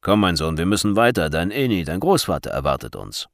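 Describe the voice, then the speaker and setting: A man voicing a calm, steady grown father in a storybook reading, speaking firmly. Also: deep voice, brisk, vocal fry, no echo, studio quality, full character voice. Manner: firm, calm, near his own voice.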